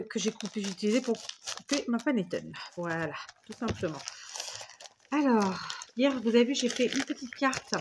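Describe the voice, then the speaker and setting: A crafting vlogger with a medium-pitched voice shows off craft items at home, indoors, with a slight hiss or hum in the background. Her manner is casual, chatty show-and-tell: she rambles, corrects herself, and warmly thanks the people who sent things.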